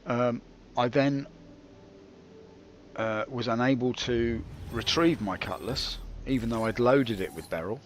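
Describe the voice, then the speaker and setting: A man's voice: medium pitch, unhurried, a little hiss or hum. A man hosting a gaming video with rambling, self-mocking, dryly comic commentary. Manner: dry, self-mocking, digressive.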